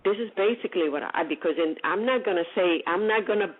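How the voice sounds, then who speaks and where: A woman's voice: medium pitch, fast. A woman hosting a call-in radio show, asking probing questions in an emphatic way and often repeating herself. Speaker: radio host. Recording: narrow phone-like radio audio.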